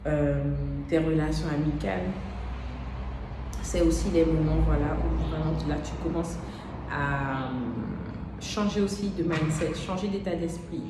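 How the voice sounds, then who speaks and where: A woman in her thirties with a low voice gives a motivational coaching talk, speaking straight to the listener with frequent hesitant pauses. The room rings with heavy echo. A steady hiss of background noise sits under her voice. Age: 30s. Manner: unscripted, addresses listener as "tu", many "euh" pauses. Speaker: life coach.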